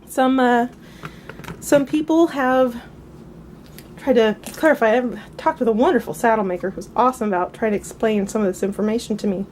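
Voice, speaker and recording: A woman's voice: on the high side, moderate pace, darkish tone, slight background noise. Chatty woman teaching saddle basics. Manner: chatty, upbeat, with fillers and asides. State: coughing at times. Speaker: riding instructor. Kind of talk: casual instructional demonstration.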